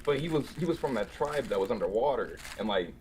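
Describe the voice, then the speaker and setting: Gaming buddy, man, relaxed slang, low voice that moves around a lot. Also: fairly quick, a little hiss or hum. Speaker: friend in voice chat. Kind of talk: casual chat while gaming.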